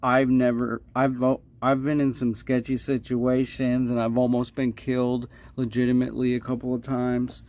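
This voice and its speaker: This man, hosting a livestream, spins casual stories in a monotone at a middling pitch. His rambling is halting and he keeps circling back over his words, yet the delivery turns playfully dramatic with drawn-out phrases and whispered asides.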